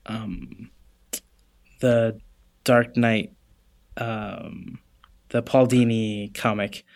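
A man's voice: lowish voice, steady tone, drawn-out words, creaky, a little mellow. Easygoing man podcast co-host. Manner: easygoing, hesitant, many "yeah"s and fillers. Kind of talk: casual chat.

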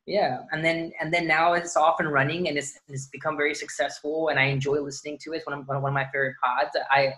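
Bright, sharp-toned man from Dallas in his thirties, rambling casual podcast guest. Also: fairly high pitch, little pitch movement, fast talker, few pauses. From Dallas, Texas. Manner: rambling, many restarts and fillers.

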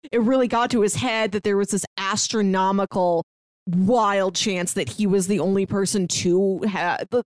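A podcast co-host with a medium-pitched voice chats casually while reviewing a TV show, laughing often between phrases. The recording has no echo.

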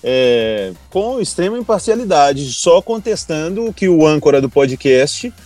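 A man's voice: a little high, big pitch swings, a little slow, darkish tone, soft background music. A man with a Brazilian accent bantering casually about football as a panelist. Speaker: sports broadcaster and podcast panelist.

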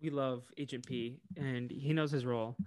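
A man's voice: mid-range voice, moderate pace, no echo. Chatty man recapping a cartoon, dry mic. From United States. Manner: animated, acts out character lines. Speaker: podcast co-host. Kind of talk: casual episode recap.

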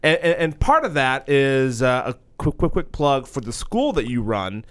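Upbeat host, smooth voice. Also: male voice, medium pitch, sing-song, moderate pace, fairly bright tone. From East Texas. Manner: upbeat, laughs often, joking. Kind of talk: casual studio show chat.

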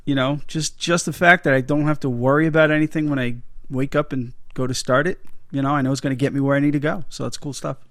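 A middle-aged man co-hosting a podcast, chatting in a relaxed way and laughing often. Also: mid-range voice, quick pace, dry recording, clean studio sound. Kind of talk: casual chat.

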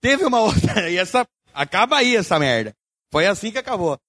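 A man with a bright, high voice tells stories in a Brazilian Portuguese accent, swinging his pitch widely. He acts out the dialogue and laughs often, like a speaker at a seminar. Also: big pitch swings, brisk. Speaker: speaker at a seminar, hospital clown. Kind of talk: storytelling talk.

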